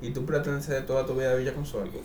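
A Dominican man with a mid-pitched voice co-hosts a podcast. He talks in casual slang, blunt and argumentative in his banter. The room is clearly echoey, with faint noise. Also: flat delivery, racing, a little mellow. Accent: Dominican Spanish. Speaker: podcast co-host.

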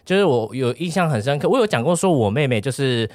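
Lively Taiwanese man in his thirties telling a story. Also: medium pitch, quick pace, no echo, clean studio sound. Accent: Taiwanese Mandarin. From Pingtung, Taiwan. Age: 30s. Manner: animated storyteller, laughs often. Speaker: podcast co-host. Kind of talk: casual chat, anecdote telling.

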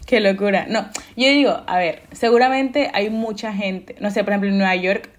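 A woman's voice: mid-range voice, moderate pace. A young woman, hosting a casual podcast chat, telling stories loosely and laughing often. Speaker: podcast host.

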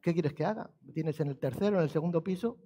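Man playing jesus, calm, quiet, patient, high male voice, sermon story. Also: quick pace, in a large hall, close to an everyday voice.

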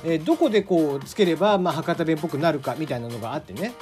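A man's voice: very fast, over music. A man from Kagoshima with a mixed Kagoshima and Hakata accent, hosting a casual solo podcast, chatty with lots of fillers. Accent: mixed Kagoshima and Hakata dialect. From Kagoshima, Japan. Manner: chatty, many fillers, lively pitch swings. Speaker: podcast host. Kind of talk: casual solo radio talk.

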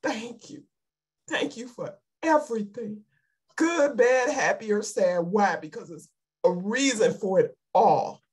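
A woman's voice: mid-range voice, takes it slowly, slightly rough. A woman giving an emotional, fervent sermon over a video call, repeating her exhortations. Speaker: lay preacher.

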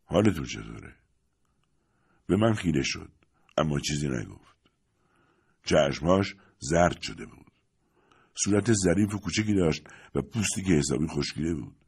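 A male audiobook narrator with a low, husky voice. He tells the story expressively, with a lot of rise and fall in his pitch. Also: lively intonation, pauses often, darkish tone.

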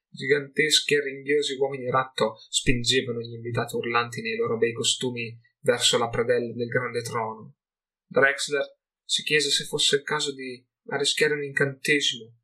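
A man narrates a fantasy audiobook in a measured, dramatic manner. His voice is bright and forceful, with a husky grain running through it. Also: mid-range voice. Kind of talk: scripted narration.

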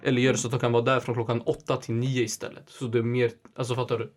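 A young man talking in casual chat, animated and swearing, mixing English slang into his talk. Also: mid-range voice.

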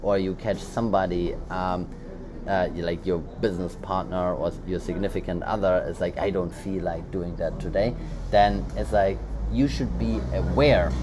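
There's background noise as a man with a low voice, speaking at normal speed, rambles on a casual motivational podcast he co-hosts. A native German speaker, he restarts often and leans on fillers in loose sentences.

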